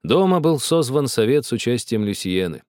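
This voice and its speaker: A man reading a story aloud in a steady, wry narrating manner. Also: medium pitch, moderate pace, dry recording, clean studio sound. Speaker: audiobook reader. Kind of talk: scripted narration.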